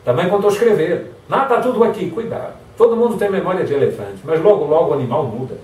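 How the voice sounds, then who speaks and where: Speaking rapid-fire in a voice that sits high, a man gives a lively motivational talk. He dramatizes sample phrases using different tones, and the audio is distant and echoey, as if from the back of a hall.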